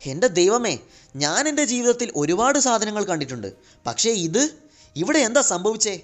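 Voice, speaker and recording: A man's voice: high-pitched, a little fast, soft background music, pitched above the performer's own voice, close to an everyday voice. A man voicing a tough male street hero, heavy-voiced and astonished, in a comic retelling.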